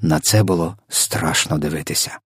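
A man reading a children's story aloud in an expressive, dramatic narration. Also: extremely low pitch, moderate pace, slightly rough, no room sound, clean studio sound. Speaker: audiobook reader.

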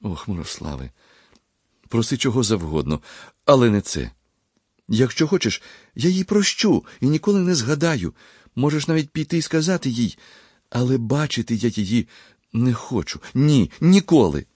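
A man's voice: sits low, big pitch swings, normal speed, pauses often, a little mellow, husky, dry recording, studio quality, heavily acted. A man voicing a proud, bitter young man who speaks in agitated, rising outbursts.

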